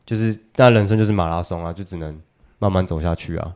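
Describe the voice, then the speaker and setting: A man's voice: low voice, fast, a little mellow. A man co-hosting a casual podcast chat, telling a story and acting out the quoted phone talk, with a Taiwanese Mandarin accent. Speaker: podcast co-host.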